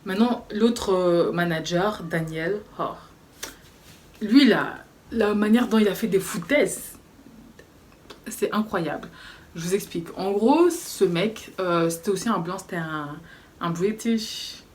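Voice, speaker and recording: Young woman storytime vlogger, expressive, plays out the dialogue. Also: medium pitch, takes it slowly. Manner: animated storyteller acting out quotes. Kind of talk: storytime vlog.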